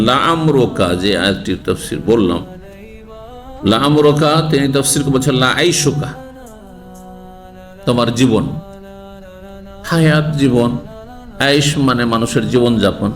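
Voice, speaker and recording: A man delivers a religious lecture, steady and explanatory, in a medium-pitched voice. He keeps turning to his listeners with rhetorical questions. Faint background music runs under his voice. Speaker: Islamic scholar giving a lecture.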